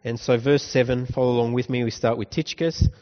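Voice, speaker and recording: A man's voice: mid-range voice, flat delivery, quick pace. Man preaching in an echoing hall. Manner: conversational, asks the congregation questions. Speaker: pastor. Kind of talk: sermon. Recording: dull recording with long hall reverb.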